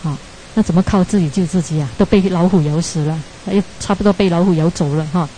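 Woman, meditation teacher, relaxed mellow voice; casual storytelling dharma talk, laughs off her slips. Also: fairly low pitch, quick pace, slight background noise, poor audio. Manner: chatty, ends phrases with tag particles, laughs at own slips.

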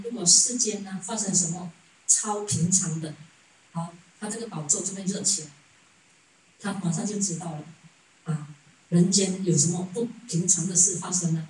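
A woman's voice: fairly low pitch, a little mellow, slight background noise. A woman giving a Buddhist sermon as a story, chuckling often and asking rhetorical questions. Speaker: Buddhist dharma teacher. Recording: echoey room, distant mic.

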